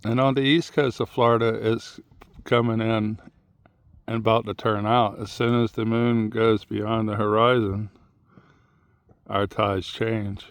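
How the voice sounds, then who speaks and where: Male outdoor vlogger, low and gravelly, rambling and plain-spoken, thinking aloud on a walk. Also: level tone, measured pace, dry recording. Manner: musing, plain-spoken, drifting between thoughts. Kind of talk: rambling outdoor monologue while walking. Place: outdoors on a muddy tidal shore.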